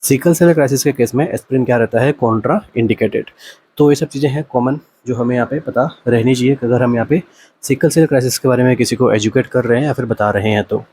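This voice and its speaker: This nursing exam coach, a man with a medium-pitched, darkish voice, talks through multiple-choice answers, raising rhetorical questions he answers himself and slowly reading out the options in English. There's slight background noise.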